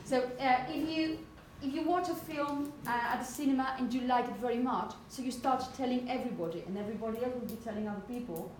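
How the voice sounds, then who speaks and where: Woman teacher going over pronunciation w a class, highish voice, patient, keeps asking okay?, faint room noise. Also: fast, few pauses.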